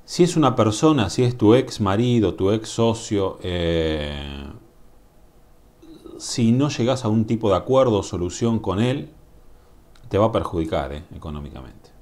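Rioplatense guy doing a tarot reading, low voice, slow musing talk, keeps going "mm?". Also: animated, darkish tone. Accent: Rioplatense Spanish. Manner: musing, drawn-out, asks "mm?" to the viewer. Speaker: tarot reader. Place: indoors at a table. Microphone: camera above the table, speaker off-screen.

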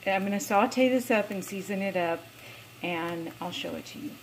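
A woman talks through her cooking in a friendly, explanatory way from her home kitchen. Her voice sits at a middling pitch, with faint frying sizzle behind it. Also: normal speed, a little hiss or hum, low-quality recording. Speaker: cooking vlogger. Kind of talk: casual cooking vlog narration.

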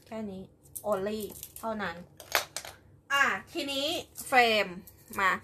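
A woman's voice: medium pitch, takes it slowly, background noise. A young woman chatting casually on a live stream while preparing an embroidery project, giggly and talkative. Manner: chatty and giggly, with frequent laughs and repeated words.

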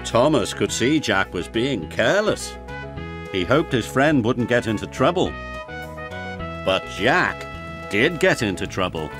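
A man narrating a children's story about work machines. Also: medium pitch. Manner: slow, lively storytelling. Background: music.

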